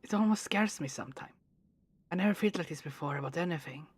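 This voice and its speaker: Woman voicing a shy, breathy nervous young man. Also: lowish voice, fast talker, no echo. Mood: tender nervous. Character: shy, anxious young man confessing feelings.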